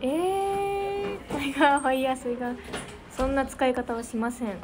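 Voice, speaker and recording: Chatting on a casual livestream, a teen idol from Niigata, Japan, thanks her viewers for their comments. Her high-pitched voice barely moves in pitch and runs a little fast, with a crowd audible behind her in the noisy stream audio.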